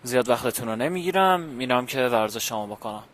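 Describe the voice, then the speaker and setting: A man's voice: mid-range voice, animated, a bit bright, slight background noise. A man talking casually and informally to viewers in a workout vlog, addressing them directly as he goes. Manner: informal, addressing viewers, calling out exercises and reps. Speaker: vlogger. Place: outdoors on a house rooftop.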